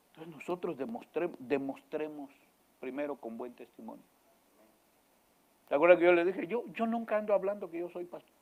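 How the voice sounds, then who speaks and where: Emphatic male preacher, slightly high voice. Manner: emphatic preaching with sudden swings from loud to hushed; asks the congregation questions again and again. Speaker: pastor. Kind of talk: sermon.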